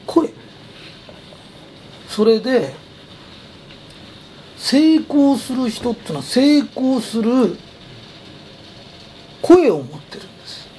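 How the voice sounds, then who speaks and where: A man's voice: very high voice, sing-song, drawn-out words, long pauses, warm tone, a little hiss or hum. A man who runs a company, giving a chatty, emphatic motivational talk. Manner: chatty, emphatic, persuasive storytelling. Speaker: company president.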